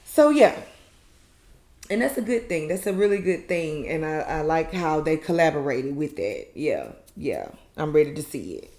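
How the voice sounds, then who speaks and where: Woman, casual recap host, chatty, lots of fillers, lowish voice, roomy echo. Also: very animated, moderate pace, a little mellow. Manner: chatty, colloquial, many fillers. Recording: echoey room.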